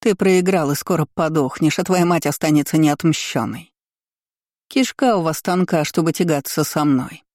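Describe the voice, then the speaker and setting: A man's voice: a little high, normal speed, a little mellow, dry recording, studio quality, natural voice. A man voicing a spiteful, scheming middle-aged empress who sneers and snaps orders, in an audiobook reading. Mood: furious. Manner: sneering, imperious, snapping orders.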